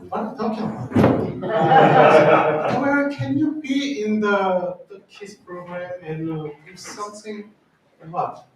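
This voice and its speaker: A man's voice: high-pitched, slow, a little hiss or hum. A man in his fifties with a Korean accent, a church organist talking casually to a congregation, hesitant and self-deprecating with a joking edge. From South Korea. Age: 50s. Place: church hall. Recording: echoey hall from far off.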